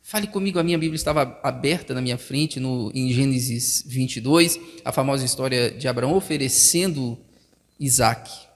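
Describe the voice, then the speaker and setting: A man preaching a sermon as pastor, emphatic and swelling louder on key phrases. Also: medium pitch, moderate pace. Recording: long reverb of a large hall.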